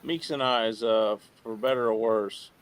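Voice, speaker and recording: A man talking casually as a podcast guest, halting and rambling as he repeats himself, with informal swearing. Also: on the low side, no echo. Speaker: podcast guest, radio show co-host. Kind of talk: casual interview talk.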